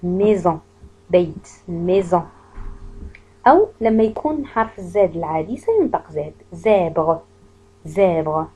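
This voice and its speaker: A woman teaching a French pronunciation lesson, patiently saying each word slowly and then repeating it. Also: lowish voice, animated, dark tone, a little hiss or hum, poor audio.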